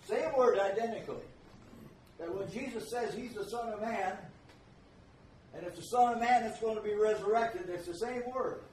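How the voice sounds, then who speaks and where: Older preacher, echoey hall sound. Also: male voice, sits high, darkish tone, a little hiss or hum. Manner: emphatic, repeats key phrases. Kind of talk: sermon. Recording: echoey room, voice from far off.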